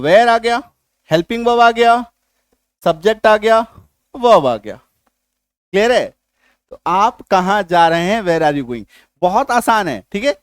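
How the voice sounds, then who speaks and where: A man's voice: high voice, no room sound, studio quality. A man teaching an English grammar lesson live, explaining step by step, repeating phrases and checking that learners understand.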